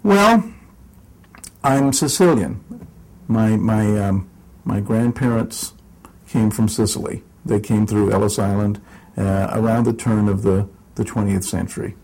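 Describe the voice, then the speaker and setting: Recorded on poor audio, the voice belongs to a sixty-something man from the United States who was raised in Southern California. It sits on the low side, a little mellow with vocal fry, at a measured pace. He narrates his life for an oral history, full of hesitations, fillers, restarts and self-deprecating humor.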